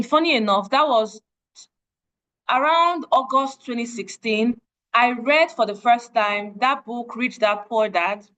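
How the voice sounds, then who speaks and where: A young woman with a Nigerian accent speaks in earnest, sharing a personal testimony with a group online. Her voice sits fairly high, and she leans on repeated phrases to drive her points home. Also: fairly bright tone, muffled recording. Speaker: guest speaker. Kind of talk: testimony talk at an online meeting.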